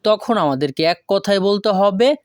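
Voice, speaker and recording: A language teacher giving an online lesson, saying each foreign phrase slowly twice and asking and answering their own questions. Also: mid-range voice, expressive, dry recording, studio quality.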